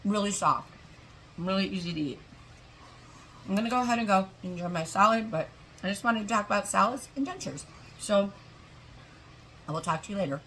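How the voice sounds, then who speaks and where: Middle-aged woman vlogger, low gravelly voice, rambling casual chat, faint noise behind. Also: expressive, fairly quick, pauses often, a bit bright, low-quality recording. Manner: chatty, wandering, self-interrupting. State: talking with food in mouth.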